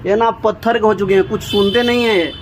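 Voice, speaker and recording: A woman's voice: mid-range voice, steady tone, quick pace, a little hiss or hum. A woman filming a friend, coaxing her again and again to look at the camera and explain. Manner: coaxing, repeats a name.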